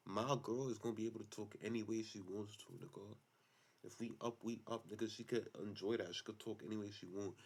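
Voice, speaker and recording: Streamer type, man, low voice, blunt slangy profane reactions. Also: fairly even intonation, brisk. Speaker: streamer reacting to online stories. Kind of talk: casual reaction commentary.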